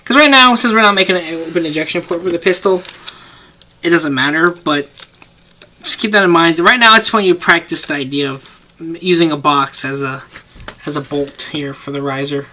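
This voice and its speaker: A man making a paper-craft tutorial guides viewers through each step, rambling and cutting off his own sentences as he works. His voice is a little high, pushed and bright, at normal speed. Home camera-mic audio is noisy and has clicks.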